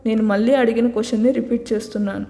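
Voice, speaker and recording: A wise middle-aged mother gently counselling her son, as a woman storyteller voices her. She coaxes and lectures with patience in a mellow, higher voice. Long reverb trails each phrase. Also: steady tone, fast, close to an everyday voice. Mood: gentle, advising.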